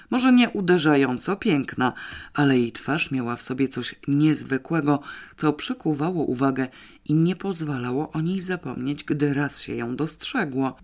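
A man reading a detective novel aloud in a steady, measured narration. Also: fairly high pitch. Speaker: audiobook narrator. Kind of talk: scripted narration.

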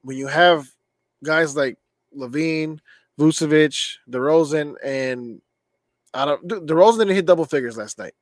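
Halting man on a sports podcast, somewhat high voice, dry sound. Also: dry recording. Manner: halting, repeats his words. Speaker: podcast co-host. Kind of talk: casual sports podcast chat.

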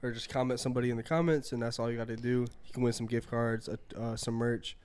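A man's voice: mid-range voice, flat delivery, fast talker, a little mellow, clear, resonant tone. A young man co-hosting a podcast, chatting loosely and swearing freely as he tells stories. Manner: loose, profane storytelling. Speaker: podcast co-host. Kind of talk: casual chat.

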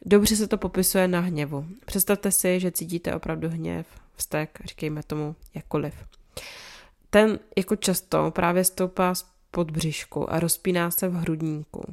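A young woman talks through her topic in a relaxed podcast style, with frequent little fillers. Her voice sits on the low side and stays fairly level, without much rise and fall. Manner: conversational, many fillers like "jako" and "eh". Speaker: podcast host, psychology topics. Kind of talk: calm explanatory podcast talk.

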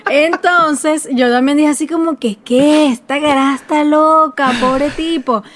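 A woman's voice: high-pitched, fairly even intonation, measured pace, fairly bright tone. A woman with a Venezuelan accent, co-hosting a podcast in casual, teasing chat. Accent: Venezuelan Spanish. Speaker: podcast co-host.

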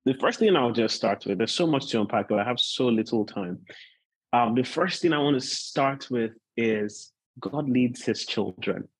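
A man preaching as a guest pastor in an informal, measured, unhurried way, often repeating points for emphasis. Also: medium pitch, animated, husky, no echo, low-quality recording. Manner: unhurried, measured delivery with deliberate repetition. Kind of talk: sermon, informal preaching to an online gathering.

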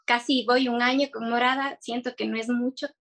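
A woman's voice: on the high side, level tone, normal speed, a bit bright. A young woman chatting casually in an interview, earnest and hesitant, with many fillers and restarts. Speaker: guest entrepreneur.

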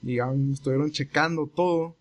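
A man's voice: fairly high pitch, brisk. A young Mexican man telling a long story in a casual chat, rambling and acting out the voices of the people in it. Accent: Mexican Spanish. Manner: relaxed, rambling, acts out quoted exchanges.

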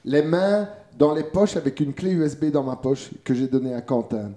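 A man who is a guest on a casual podcast, excitable and swearing freely. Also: a little high, normal speed.

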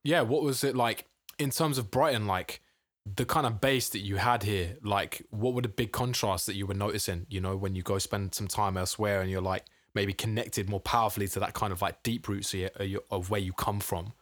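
A man's voice: lowish voice, fairly quick, a bit bright, dry recording. A man asking questions as an interviewer in an informal, encouraging, conversational way, often agreeing.

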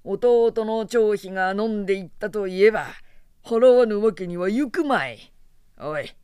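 A woman's voice: mid-range voice, unhurried, mellow, smooth, no echo, clean studio sound, close to an everyday voice. A woman voicing a drunken, hot-tempered male warrior with a blunt, swaggering way of talking.

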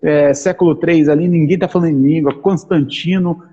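A man, co-hosting a casual theological discussion, talking in an animated, emphatic way and repeating his points. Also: a little high, normal speed, husky, muffled recording. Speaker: podcast co-host.

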